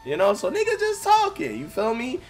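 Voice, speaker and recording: With music underneath, a young American man talks briskly in an extremely high voice that swings hugely in pitch. He makes gaming videos and runs through clips with casual, cursing, slang-heavy rants.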